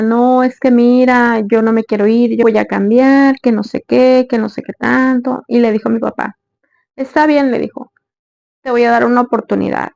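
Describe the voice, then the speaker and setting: A young woman earnestly narrates a sad family story, retelling dialogue in quotes. Her voice is a little high, creaky and a little mellow, captured in a dull, dry, close recording with no echo.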